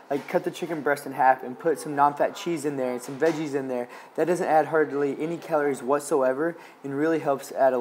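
A young man in a casual how-to vlog, upbeat and instructive, walking viewers through cooking step by step. His voice sits at an ordinary middle pitch. A faint hum of ambience sits behind him, picked up by a camera mic in a home kitchen. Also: a little mellow. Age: young adult. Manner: upbeat, instructive, keeps saying okay. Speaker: medical student vlogger. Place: home kitchen indoors and grocery store.

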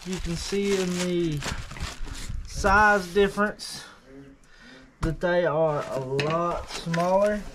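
This man, a video host, chats loosely through an unboxing and test in his workshop next to a truck, full of filler words and rambling asides. He speaks slowly in a high pitch, pausing often, against a noisy background.

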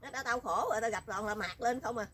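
A woman's voice: a little high, fast, fairly bright tone. A woman telling a story in casual chat, teasing and talkative. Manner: chatty, teasing, rural colloquial speech.

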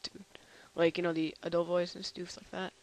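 A tired young man hosting a casual software demo, rambling and halting with lots of fillers. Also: high-pitched, level tone, dry recording, poor audio. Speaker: channel host.

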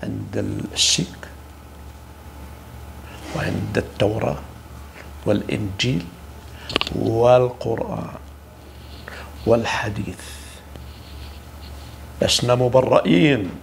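A man giving an informal religious talk, preachy and lively, often acting out the voices of people he quotes. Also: on the low side, takes it slowly, vocal fry, long pauses, slight background noise. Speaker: religious speaker.

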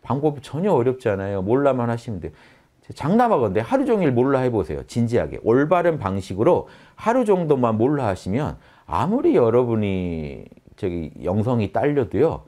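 A man teaching meditation in a lively spoken lecture, often acting out the inner voice in quoted asides. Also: mid-range voice, moderate pace. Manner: addresses listeners directly, animated.

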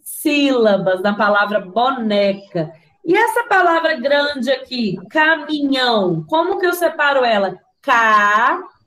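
A high, slow-speaking Brazilian woman teaching small children. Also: sing-song, poor audio. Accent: Brazilian Portuguese. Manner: patient, spells out syllables slowly and asks questions. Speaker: primary school teacher. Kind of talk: online class for young children. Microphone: video call from a computer.

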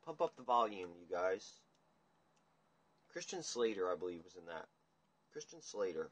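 A young man hosting a casual livestream chat, ranting in a rambling, profane, animated way. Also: low voice, moderate pace, husky. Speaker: livestream host. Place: dim room indoors. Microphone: phone camera at table.

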